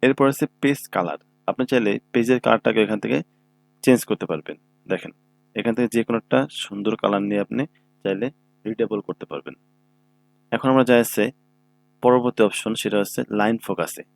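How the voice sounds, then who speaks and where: A male computer instructor narrates a screen-recorded tutorial on his own microphone, speaking slightly fast in a low voice with vocal fry and frequent pauses. He explains each step patiently and often checks that listeners are keeping up.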